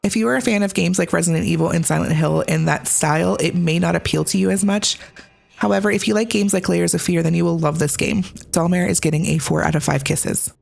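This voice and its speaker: Lower-pitched, creaky woman reviewing games. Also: fairly even intonation, fairly quick, a little mellow. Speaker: game reviewer and host. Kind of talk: scripted video review narration.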